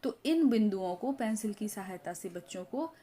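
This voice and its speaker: A woman teacher from India explaining a lesson step by step, pausing often with fillers and drawing out example words as if for young children. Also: mid-range voice, lively intonation, warm tone. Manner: slow, halting explanation with many filler pauses; models words for children in drawn-out syllables. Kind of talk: teacher training walkthrough of a workbook lesson.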